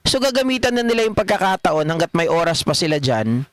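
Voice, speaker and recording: A man's voice: fairly high pitch, sing-song, fast, dry recording. A middle-aged Filipino man hosting a political livestream, reading viewer comments in a chatty way and laughing often. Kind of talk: casual live commentary reading chat.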